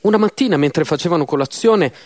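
A man interpreting a church sermon in an earnest, measured way with slow pauses. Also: a little high, animated, a little mellow, no room sound, studio quality.

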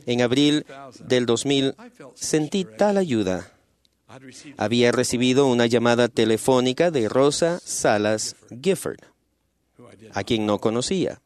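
A man of middle pitch gives a sermon to a church gathering, recounting a personal story. His delivery is measured and earnest, and he slows deliberately on the phrases he wants to land. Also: darkish tone. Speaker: speaker at a church meeting.

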